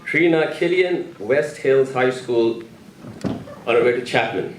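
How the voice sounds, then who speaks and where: At an awards ceremony, a man with a medium-pitched, unhurried voice announces the recipients' names to an audience in a hall. The distant mic picks up an echoey room and crowd noise.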